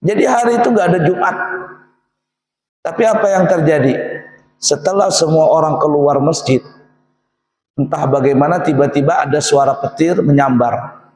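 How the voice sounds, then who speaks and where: A man's voice: on the high side, moderate pace, long pauses, a little mellow. A man preaching a humorous sermon, telling a story and acting out the characters, laughing at his own jokes. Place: mosque or Islamic boarding school hall. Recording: echoey hall, long reverb.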